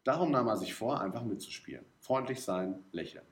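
A man reading a story aloud as narrator, in a lively, expressive way. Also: mid-range voice, fairly quick. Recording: roomy echo.

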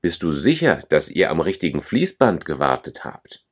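A man's voice: a bass voice, very animated, normal speed, breathy edge, heavily acted. A man voicing a friendly, helpful young airport clerk in a storybook, read plainly. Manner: read plainly in the narrator's own voice.

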